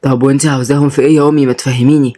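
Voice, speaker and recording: A woman voicing a repentant former mafia boss, a young man speaking gently and earnestly in Egyptian Arabic. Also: rumbling low, steady tone, rapid-fire, pitched below the performer's own voice. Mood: upset.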